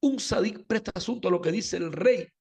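Male Bible teacher, high voice, storytelling sermon delivery, talks to listeners directly. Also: brisk, vocal fry, darkish tone, breathy edge. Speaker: Torah teacher. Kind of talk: sermon-style Bible lesson.

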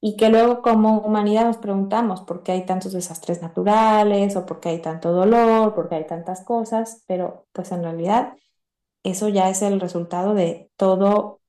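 A woman retells a teaching story to her listeners, often stopping to search for the next word. Her voice is warm and mellow at a middling pitch. The room lends a noticeable echo. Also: fairly even intonation. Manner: halting, many fillers and restarts, addresses listeners. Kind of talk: storytelling lesson. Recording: roomy echo.

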